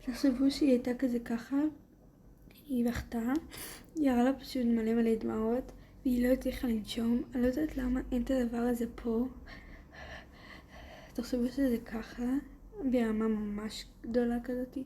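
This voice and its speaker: A woman narrating a game role-play story in a soft, hesitant whisper with fillers. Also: fairly high pitch, level tone, pauses often, slight background noise.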